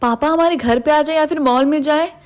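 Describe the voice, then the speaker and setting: Eager cartoon girl narrator, woman voicing, high-pitched, soft music bed. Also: a little fast. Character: curious daring young girl, narrator of her own story. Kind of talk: animated story narration.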